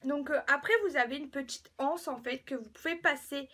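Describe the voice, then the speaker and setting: A woman's voice: high voice, moderate pace, pushed and bright. A young woman demonstrating an instant camera in a casual vlog, hesitant with many fillers and restarts. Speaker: beauty vlogger. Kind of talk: casual product demo.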